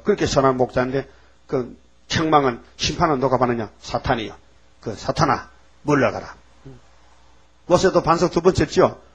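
A male pastor preaching a folksy sermon, prodding the congregation and acting out shouted rebukes in character. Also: on the high side, husky. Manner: acts out shouted rebukes of Satan. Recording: dull lo-fi recording.

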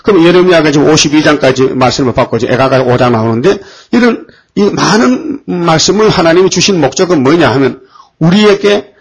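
A man preaching a sermon, often pausing to put questions to the congregation. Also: fairly high pitch, expressive, slightly rough, poor audio. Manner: rhetorical questions to the congregation, frequent fillers.

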